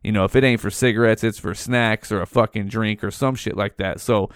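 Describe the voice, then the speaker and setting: A man's voice: on the low side, fairly even intonation, fairly quick, smooth, no room sound, clean studio sound. A man hosting a podcast, telling a rambling, heavily profane story in casual slang. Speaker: podcast host.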